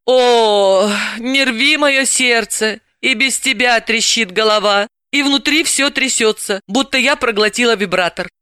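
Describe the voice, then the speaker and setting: A woman doing an exasperated, sharp-tongued heroine. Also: on the high side, unhurried, clear, resonant tone, dry recording, clean studio sound, pitched above the performer's own voice. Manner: indignant, sharply ironic.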